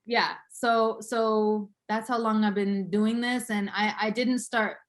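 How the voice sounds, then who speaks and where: Slowly and in a level, medium-pitched voice, a Boston woman in her thirties tells her life story as an interview guest. She's reflective, and her speech is full of fillers and small laughs.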